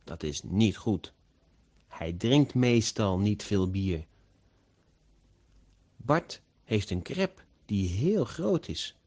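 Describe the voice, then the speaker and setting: Slow, low-voiced male narrator. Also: expressive, darkish tone. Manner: slow, carefully pronounced. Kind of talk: slow audiobook narration for learners.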